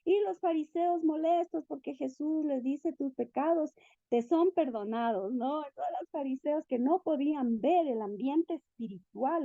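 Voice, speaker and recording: Woman preacher, sermon, animated, questions the listeners, high pitch, dry lo-fi sound. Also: no echo. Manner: animated, asks the listeners questions, acts out quotes. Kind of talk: sermon teaching. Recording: dull, lo-fi recording.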